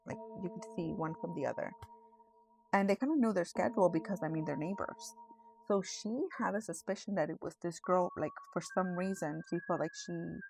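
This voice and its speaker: A woman's voice: on the low side, vocal fry, poor audio. A woman casually telling a spooky story as a storytime host, in a conversational way peppered with "like".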